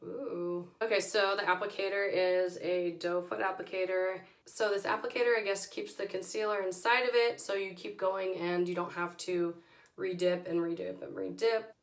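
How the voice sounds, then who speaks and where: A hoarse woman with her voice nearly gone, giving a chatty, informal product review as a beauty vlogger. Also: mid-range voice, fairly even intonation, moderate pace. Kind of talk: casual product review to camera. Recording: echoey room.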